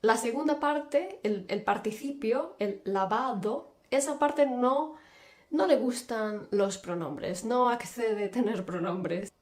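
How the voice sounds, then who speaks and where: A woman gives a grammar lesson in an unhurried, deliberate way. Her voice sits a little high, and she repeats each example slowly so it can be followed. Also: darkish tone. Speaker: Spanish teacher. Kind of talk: slow, clear language lesson.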